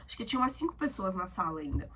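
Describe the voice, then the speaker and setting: A woman's voice: mid-range voice, rapid-fire, slight background noise. A talkative young woman with a Brazilian accent, chatting casually to camera as a student vlogger. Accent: Brazilian Portuguese. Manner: chatty, talkative, animated storytelling.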